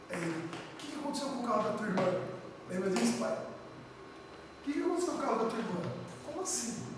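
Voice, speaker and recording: A woman preaching from São Paulo, Brazil, telling her testimony to the congregation with lively acted-out dialogue. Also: mid-range voice, background noise. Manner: animated storyteller acting out dialogue, addressing the congregation. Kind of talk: sermon storytelling. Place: church hall. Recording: echoey church hall, distant mic.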